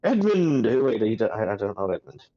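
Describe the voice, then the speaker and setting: A man's voice: lowish voice, sing-song, fairly quick, no echo. A man chatting casually as a tabletop game player, his mic crackling and cutting out from a loose cable. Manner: rambling, swears casually. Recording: dull dry online call mic.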